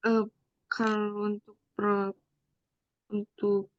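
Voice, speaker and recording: A young woman presents to her class over a video call that keeps freezing, so her voice drops in and out in choppy fragments. She speaks slowly and haltingly, full of fillers. The sound is dull, lo-fi and dry. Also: mid-range voice, monotone, no room sound. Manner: hesitant, halting, with many fillers and restarts. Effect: choppy audio cutting in and out on a frozen video call. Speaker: student presenter. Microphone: computer or phone mic on a video call. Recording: dull lo-fi online call audio.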